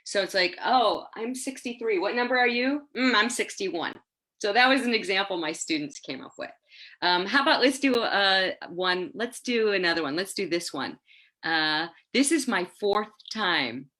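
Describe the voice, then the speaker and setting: A woman in her sixties leading an online teacher-training webinar over a video call, enthusiastic and quick to laugh. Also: medium pitch. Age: 60s. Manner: lively, enthusiastic, laughs often. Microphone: laptop webcam on a video call.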